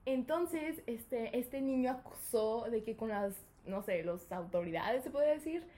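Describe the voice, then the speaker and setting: A young woman with a Mexican accent in casual chat, slangy and quick to react. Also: fairly high pitch, expressive, warm tone. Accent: Mexican Spanish.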